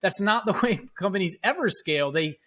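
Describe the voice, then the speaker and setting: A man's voice: high voice, expressive, a little fast, fairly bright tone. Middle-aged man explaining step by step. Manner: explanatory, breaks ideas into steps like a teacher. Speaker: guest, education entrepreneur. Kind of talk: podcast interview answers.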